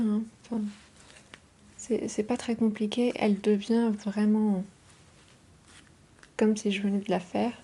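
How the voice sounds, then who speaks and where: A woman speaking softly in an ASMR style, drifting into whispers, her voice hoarse and husky from a cold, with a gentle, unhurried manner. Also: on the high side, a little hiss or hum. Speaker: ASMR video host.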